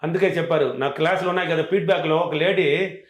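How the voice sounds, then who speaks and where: A man's voice: fairly high pitch, fairly even intonation, fast talker, roomy sound. A man teaching self-help affirmations, answering interview questions in a self-assured, emphatic and repetitive way.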